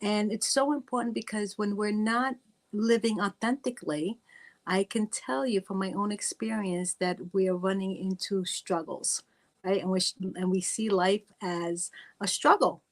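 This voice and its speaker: A woman's voice: medium pitch, fairly even intonation, normal speed. A middle-aged woman from Italy hosting a faith talk show, speaking earnestly and personally, often adding "right?" and "you know". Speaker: podcast host.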